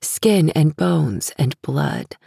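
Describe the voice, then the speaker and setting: A woman narrating an audiobook in a hushed, intimate way. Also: low-pitched, very animated, very slow, vocal fry, husky, dry recording. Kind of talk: scripted narration. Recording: dry close studio sound.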